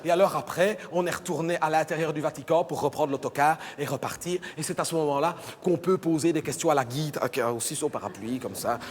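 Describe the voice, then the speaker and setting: Man playing a chatty mother, high voice. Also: quick pace, few pauses, natural voice. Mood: gossipy. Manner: chatty, rambling, punchline-driven. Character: chatty gossipy middle-aged mother, woman. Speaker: comic monologue performer. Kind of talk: stand-up character monologue. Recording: live hall with reverb and audience noise.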